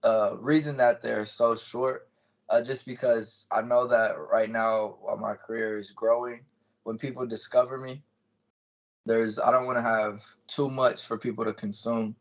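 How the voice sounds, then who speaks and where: A man's voice: medium pitch, steady tone, measured pace. A man in his twenties chatting casually as an interview guest, explaining things in plain words. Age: 20s. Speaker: music artist being interviewed. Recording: dull, lo-fi call audio.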